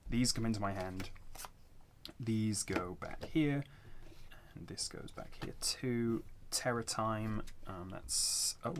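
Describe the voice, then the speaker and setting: A man with a fairly low voice narrates a tabletop game in a casual, unscripted way. He thinks aloud hesitantly, weighing each choice as he goes. There is noise behind him. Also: takes it slowly. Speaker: solo board game player narrating a playthrough.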